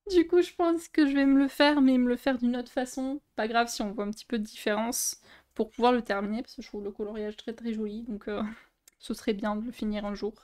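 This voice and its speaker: A woman's voice: fairly high pitch, fairly even intonation, brisk, darkish tone. A young woman, chatting casually in a vlog as she shows her coloring books, with many fillers and restarts. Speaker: coloring book youtuber. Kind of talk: casual show-and-tell vlog.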